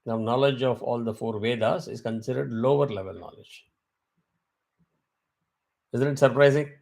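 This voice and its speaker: A man's voice: mid-range voice, vocal fry, a little mellow. A man teaching a weekly Vedic class over a video call. He explains step by step and asks his students questions.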